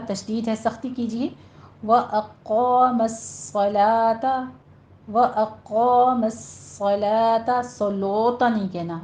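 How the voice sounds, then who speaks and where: A woman teaching Quran recitation rules in a patient, instructive way, drawing out slow examples. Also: medium pitch, dark tone, a little hiss or hum. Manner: patient, instructive, drawn-out demonstrations. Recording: dull lo-fi audio.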